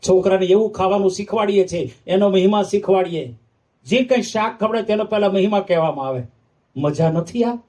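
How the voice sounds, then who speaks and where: A man's voice: high voice, brisk, a little mellow. A man, a monk giving a devotional sermon, who sings verses and asks the audience emphatic questions. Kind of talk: devotional discourse with sung verses.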